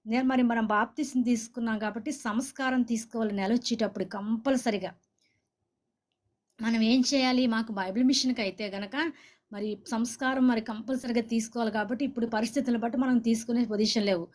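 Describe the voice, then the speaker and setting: Woman preaching, fairly high voice. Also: steady tone, a little fast, a little mellow. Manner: exhorting, asks listeners to say amen; speaks directly to viewers and comments. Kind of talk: sermon.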